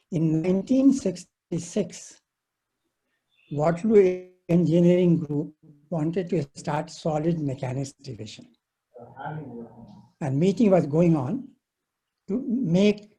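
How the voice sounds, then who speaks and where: Brief: older man, dark husky voice, choppy call connection cutting in and out, earnest and slow. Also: a little high, animated, rough recording. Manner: earnest, repeats points slowly. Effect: unstable online connection, voice breaking up. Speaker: session participant on a video call. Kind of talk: telling an anecdote as advice.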